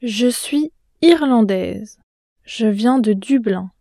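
A woman playing a young student on a language stay, speaking slowly and carefully in a scripted lesson dialogue. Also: fairly high pitch, animated, warm tone, no room sound, studio quality, heavily acted. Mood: calm. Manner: slow, careful, clearly articulated.

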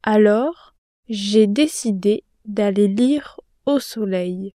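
Woman playing a slow, careful young student. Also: mid-range voice, warm tone, no echo, studio quality, close to an everyday voice. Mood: calm. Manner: slow, careful, clearly articulated. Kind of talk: scripted language-lesson dialogue.

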